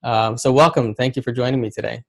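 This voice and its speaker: Male interview host, gravelly tone, earnest, a bit hesitant. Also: mid-range voice, steady tone, fast, fairly bright tone. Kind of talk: interview hosting.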